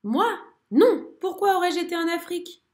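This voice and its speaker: A woman voicing a boastful, bossy male blackbird who exclaims loudly. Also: high voice, very animated, moderate pace, voice pushed up.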